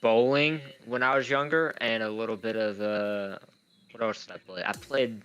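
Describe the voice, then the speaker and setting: A man's voice: on the low side, steady tone, moderate pace, a bit bright, highs cut off, slight background noise. A young man who says w for r, giving casual, rambling, self-deprecating live commentary while he plays games. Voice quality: says w for r, speech impediment. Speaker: gamer commentating on own play.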